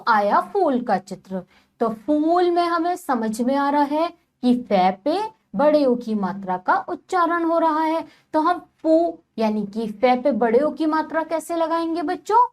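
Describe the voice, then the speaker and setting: A woman's voice: high voice, a little mellow. A woman teacher leading a primary-school lesson from a textbook. She sounds out letters and words carefully and keeps asking the children questions. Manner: patient, sounds out letters slowly and asks the class questions.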